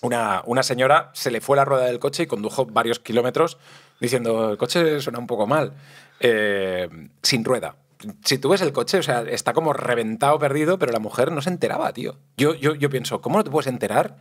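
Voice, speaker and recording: Chatty Spanish podcast host laughing along. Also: male voice, mid-range voice, brisk. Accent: Spanish from Spain. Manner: jokey, laughs often, chatty storyteller. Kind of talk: casual podcast chat.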